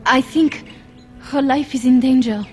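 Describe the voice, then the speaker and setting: An actress with a high, unhurried voice plays an earnest, worried young handmaiden to a queen in a fantasy video game, relaying things carefully and urgently. Music runs underneath the game audio.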